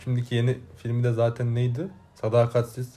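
A man's voice: medium pitch, monotone, fast talker, noisy background. A young man chatting casually as a co-host, agreeing a lot and laughing often. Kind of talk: casual chat.

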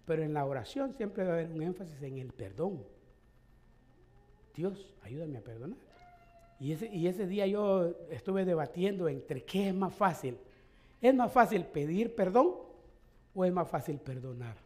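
A man's voice: sits high, expressive, moderate pace, darkish tone. A male pastor in middle age preaching a sermon in a conversational way, with rhetorical questions and light chuckles.

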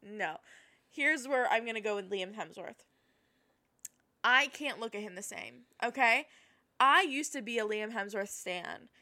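Bright, gushing young woman podcaster. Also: a little high, a little slow, pauses often. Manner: gushing, animated, lots of "like" fillers. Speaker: podcast co-host. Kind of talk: casual chat.

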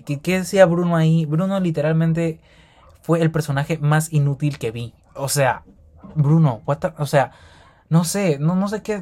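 A young man hosting a solo podcast, rambling fast and animated with slang and self-corrections. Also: a little high. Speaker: podcast host. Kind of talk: casual solo podcast monologue.

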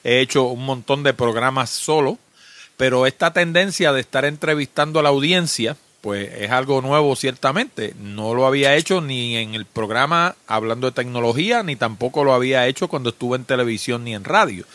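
Lively, chatty male podcast host. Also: mid-range voice, moderate pace, dry recording. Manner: chatty, animated, leans on the filler 'qué sé yo'. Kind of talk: conversational podcast intro and interview.

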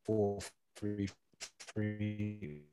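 A man's voice: fairly low pitch, extremely slow, loud music behind the voice. A man hosting a casual football chat on an online call, his voice bitcrushed and robotic as the connection breaks up. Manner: loose and rambling. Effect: bitcrushed, robotic glitching voice from a dropping connection. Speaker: podcast host.

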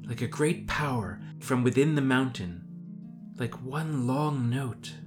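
A man voicing a young heroine in an audio fantasy story, speaking softly and with wonder. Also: medium pitch, slow, music in the background, pitched above the performer's own voice, natural voice. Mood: awed. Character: young woman hero sensing power.

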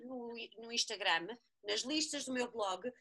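A woman's voice: fairly high pitch, unhurried, bright, forceful tone. A woman with a European Portuguese accent moderating a casual podcast chat, hesitant and often laughing. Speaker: podcast co-host, moderator of this episode.

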